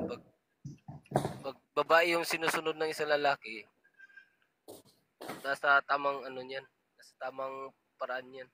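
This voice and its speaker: Visayan-accented male caller, sharp bright tone, polite and searching for words. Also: fairly high pitch, rough recording. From Mindanao, Philippines. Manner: polite and hesitant, full of fillers. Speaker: caller on a matchmaking show. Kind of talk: casual chat.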